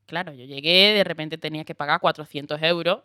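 A young woman with an Andalusian accent, a guest actress chatting casually and telling lively stories, acting out quoted dialogue and laughing often. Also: low-pitched, brisk, no echo, studio quality. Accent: Andalusian Spanish. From Andalusia, Spain. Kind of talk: casual chat.

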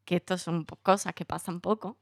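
A woman's voice: lowish voice, fairly even intonation, a little fast, creaky, no echo, clean studio sound. A woman hosting a casual chat, friendly and chatty, chiming in on her guest's stories. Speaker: host.

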